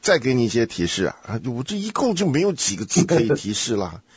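Man, Bible study host, teasing quizmaster, husky voice, dull dry audio. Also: medium pitch, sing-song, fast, no echo. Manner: teasing, quizzing, laughs often. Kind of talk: casual Bible study chat.

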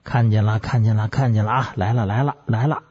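A man's voice: lowish voice, fairly even intonation, a little fast, a little mellow, husky. A male storyteller voicing a shrieking, wailing female spirit medium who chants in trance. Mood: eerie chanting. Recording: dull lo-fi recording.

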